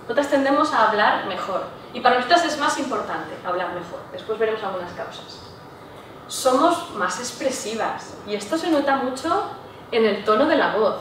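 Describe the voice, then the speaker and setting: A woman giving a public talk to a live audience, often checking in with her listeners with a quick "¿sí?". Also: fairly high pitch, expressive, a bit bright, a little hiss or hum. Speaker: lecturer. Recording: echoey room, voice from far off.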